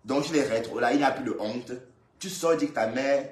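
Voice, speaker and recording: A man from Cameroon commenting casually on a live video, in a middle-pitched voice. He talks in a lively, scolding way, repeating himself and speaking straight to the woman he reacts to. His voice bounces around a roomy, echoey space. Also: fairly quick. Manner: lively, scolding and repetitive, addressing her directly. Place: indoors, in Brussels. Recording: roomy echo.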